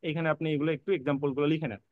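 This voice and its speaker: Fast-talking man drilling a grammar lesson. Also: fairly high pitch, steady tone, narrow, tinny audio. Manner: repetitive, drilling, spells words letter by letter; reassuring, addresses students directly. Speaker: English teacher. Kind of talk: online admission-prep lecture.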